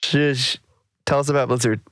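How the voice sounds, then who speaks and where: A man co-hosting a casual gaming podcast, excitable and laughing often, now and then jumping up to loud high squeals. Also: normal speed. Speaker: podcast co-host.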